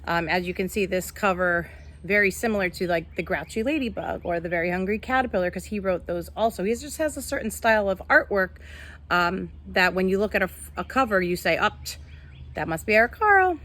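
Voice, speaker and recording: This female teacher's voice is fairly low and fairly bright, and she moves along fairly quickly. She reads a picture book to a group of young children, pausing to instruct, give simple explanations, and pose simple questions to them.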